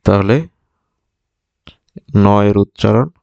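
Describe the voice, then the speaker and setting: A man's voice: on the low side, steady tone, takes it slowly, creaky, a little mellow, clean tone, no room sound, highs cut off. A male language teacher whose first language is Bengali, patiently explaining vocabulary and repeating each word to drill it in. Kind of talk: vocabulary lesson, explaining words.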